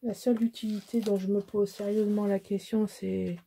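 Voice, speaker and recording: Mellow husky-voiced crafting woman. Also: medium pitch, flat delivery, normal speed. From Alsace, France. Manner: rambling, self-mocking, many restarts. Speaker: scrapbooking crafter. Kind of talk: casual crafting tutorial chat.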